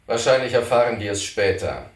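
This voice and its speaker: A man voicing a cautious, suspicious oil prince who speaks slowly and hesitantly, in a storybook reading. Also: lowish voice, sing-song. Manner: slow, hesitant. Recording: roomy, distant mic.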